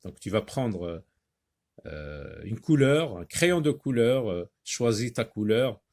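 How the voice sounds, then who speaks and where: A man teaching a reading lesson to young children, repeating words slowly and patiently with many hesitant fillers. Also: on the low side, big pitch swings, a little mellow. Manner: slow, patient, repeats words and syllables for learners; frequent hesitations with drawn-out fillers.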